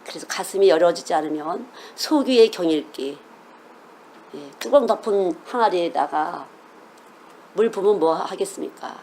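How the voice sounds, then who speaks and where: A woman's voice: fairly low pitch, darkish tone, slight background noise. A middle-aged woman preaching a sermon as a children's missionary, earnest and emphatic, often asking her listeners questions.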